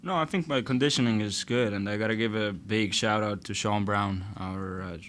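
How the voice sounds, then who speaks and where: A young college basketball player answering postgame questions casually, sometimes searching for words and restarting. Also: male voice, fairly low pitch, normal speed, a bit bright, slight background noise. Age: young adult. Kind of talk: postgame press conference answers.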